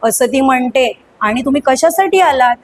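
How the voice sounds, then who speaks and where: A woman teacher singing a children's poem slowly, then explaining it briskly to children with many questions. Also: high voice, animated, a little hiss or hum, low-quality recording. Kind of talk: school poem lesson, sung then explained. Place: school classroom.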